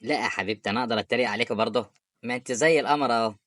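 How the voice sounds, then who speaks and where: A performer with an Egyptian Arabic accent voicing an affectionate, patient young husband in an animated story. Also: female voice, very deep voice, no room sound, studio quality. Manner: warm-hearted, rapid.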